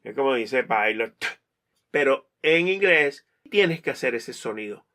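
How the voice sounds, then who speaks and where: A man giving an animated lesson to pilots, full of rhetorical questions and examples. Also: medium pitch, moderate pace. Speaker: English teacher for pilots. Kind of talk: online lesson talk.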